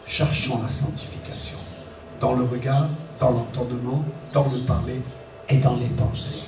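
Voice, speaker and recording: A man preaching a sermon as pastor, animated, acting out little scenes and shouting warnings. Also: mid-range voice, a little slow, background noise. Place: church hall. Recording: echoey church room from far off, faint ambience.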